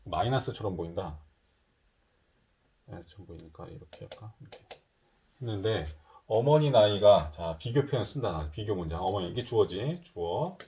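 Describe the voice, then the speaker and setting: A middle-aged man with a low voice teaches a math lesson, his pitch rising and falling a lot as he thinks aloud. He moves between polite and casual speech. Faint clicks and a little hiss sit behind him. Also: expressive, normal speed, warm tone. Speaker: math tutor.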